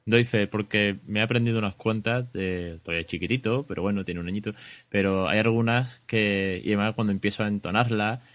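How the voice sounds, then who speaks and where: A man hosting a parenting podcast in relaxed, rambling casual chat. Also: on the low side, brisk, no echo. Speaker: podcast host.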